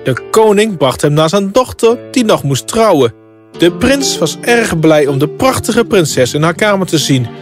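A man's voice: sits high, very animated, unhurried, over music. A man reading a scripted fairy tale as a storybook narrator.

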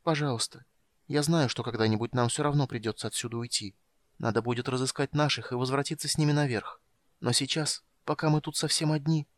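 A man's voice: expressive, moderate pace, a bit bright, dry recording, close to an everyday voice. A man reading an audiobook, voicing an impulsive, passionate young woman in a raised voice. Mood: tender. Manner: raises pitch to voice a young woman, earnest and emotional. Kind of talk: audiobook character voice.

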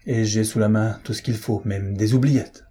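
A man's voice: on the low side, steady tone, normal speed, mellow, breathy edge. A man voicing a cruel middle-aged marquis who commands harshly in an audiobook reading. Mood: cold menacing. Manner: harsh, commanding, increasingly frantic.

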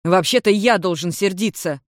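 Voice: medium pitch, normal speed, dry recording, close to an everyday voice. A reader in a near-natural voice plays a blunt, sarcastic young man. He sounds indignant and grumbling, with barely any change from the narrating voice, dry and close.

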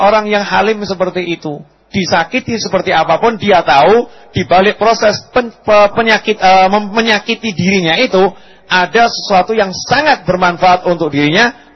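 Husky-voiced man preaching a lively sermon. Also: a little high, highs cut off. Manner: lively storytelling sermon, acting out quotes, asking the audience questions.

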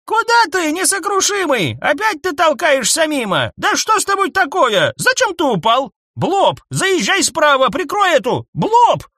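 A man voicing Becky, an irritable old female robot cart with raspy old speakers, scolding and shouting in a high voice. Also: huge pitch swings, unhurried, hardly any pauses, no echo, studio quality, full character voice.

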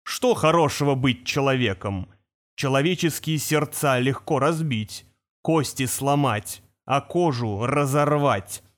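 A man voicing an ancient male creature of stone and fire, speaking slowly and ominously. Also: medium pitch, lightly acted. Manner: slow, solemn, ominous.

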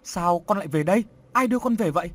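A man's voice: sits high, lively intonation, quick pace, slight background noise, pitched above the performer's own voice. A man voicing a frightened young widowed mother who cries and pleads, in a storybook reading. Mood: alarmed. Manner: crying, pleading.

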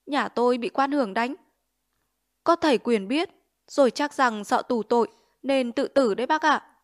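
Woman doing a frightened widowed mother, high, anxious, pleading. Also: normal speed, lightly acted.

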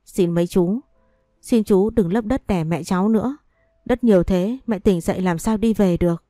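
A woman's voice: mid-range voice, moderate pace, mellow, no room sound, clean studio sound, natural voice. A woman voicing a young girl grieving her mother, pleading and sobbing in a storybook reading.

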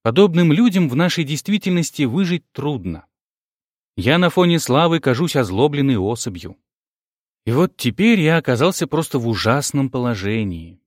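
A man reads a comic novel in the first person, wry and ironic, his voice moving lively up and down. The sound is dry and close on a studio mic. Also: medium pitch, normal speed, dry recording. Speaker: audiobook narrator.

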